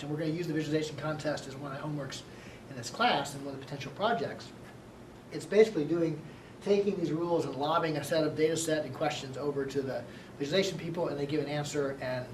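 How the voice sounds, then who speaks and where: A man lecturing a university class, talking quickly and excitedly and often checking in with "right?". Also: a little high, far from the mic. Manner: fast-talking, excitable, many "right?" tags. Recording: echoey classroom recorded from afar, noisy.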